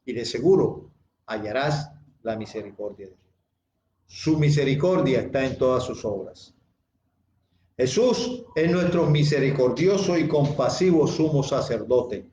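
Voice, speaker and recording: A male pastor preaching a sermon slowly and deliberately, repeating key phrases and speaking straight to his listeners. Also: mid-range voice, lively intonation, warm tone, roomy sound, a little hiss or hum, rough recording.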